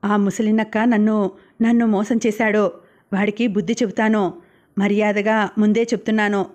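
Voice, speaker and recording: A woman voicing a drunk, angry young mechanic who makes menacing threats, read in her own flat voice. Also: sits high, moderate pace, natural voice. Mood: drunk, threatening.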